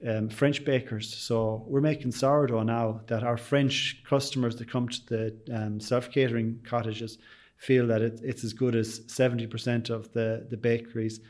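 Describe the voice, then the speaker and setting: A man's voice: medium pitch, level tone, normal speed, darkish tone. A man with a west of Ireland accent gives chatty, rambling interview answers as a bakery owner, often saying "you know". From Sligo, west of Ireland.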